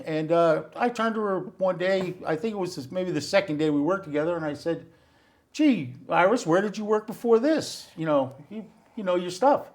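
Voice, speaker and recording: A man hosting a casual interview show. His voice is a touch high for a man. He talks in a loose, chatty way, telling stories and asking friendly questions with fillers. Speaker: talk show host.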